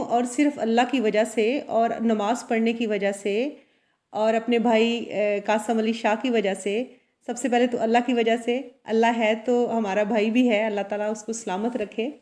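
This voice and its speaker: A woman's voice: on the high side, warm tone. Earnest woman sharing her story. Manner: earnest, confiding, with frequent tag questions. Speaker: vlogger. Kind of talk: personal motivational talk to camera.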